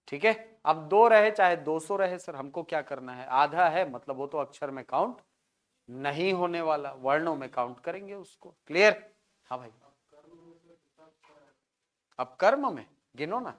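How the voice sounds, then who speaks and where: A man teaching in a classroom with a board, sounding out syllables and asking again and again whether the class has understood. His voice sits high and carries a clean, clear tone. He speaks slowly, with a Chhattisgarhi Hindi accent. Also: fairly bright tone. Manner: drills syllables aloud, often checks if students follow. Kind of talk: classroom lecture.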